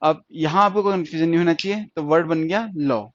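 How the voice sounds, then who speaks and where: A man's voice: fairly high pitch, brisk, dry recording. A man teaching shorthand in a classroom lesson, explaining step by step and repeating each point with checking questions. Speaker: stenography teacher. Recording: dull lo-fi dry recording.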